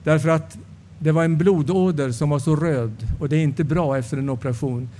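A man's voice: on the high side, dark tone, a little hiss or hum. A male preacher giving a sermon testimony, telling the story and acting out the dialogue.

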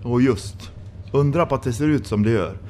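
A man's voice: medium pitch, expressive, a little mellow. A man from Sweden preaching a sermon in a church, with impassioned rhetorical questions that rise to exclamations.

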